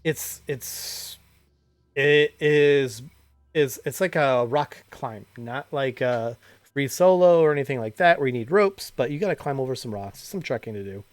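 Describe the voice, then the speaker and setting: A man's voice: mid-range voice, measured pace, no room sound. A man narrating as dungeon master of a tabletop game, rambling with restarts and fillers.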